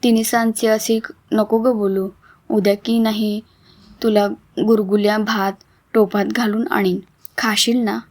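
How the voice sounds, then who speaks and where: A woman voicing a caring village friend who reassures and gently scolds, in a storybook reading. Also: medium pitch, little pitch movement, a little slow, long pauses. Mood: comforting.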